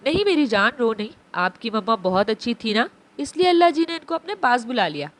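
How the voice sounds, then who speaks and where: Give me a tender, soothing young mother figure with a high voice, from a woman reading a novel. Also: lively intonation, moderate pace, fairly bright tone. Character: gentle young woman, loving new stepmother.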